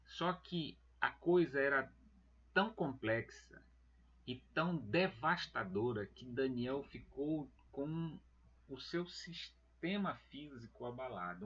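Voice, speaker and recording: Slow, husky man teaching a Bible lesson. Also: medium pitch, a bit bright, lo-fi sound. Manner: slow, deliberate, addresses listeners as beloved brethren.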